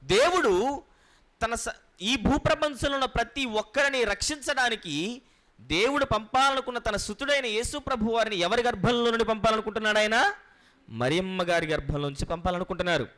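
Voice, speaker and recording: Brief: high-pitched male preacher teaching scripture, quizzing his congregation, patient and repetitive. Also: bright, forceful tone. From Andhra Pradesh, India. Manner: asks the listeners questions and answers them himself; explains word meanings slowly and repeats key points. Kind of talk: Bible teaching sermon.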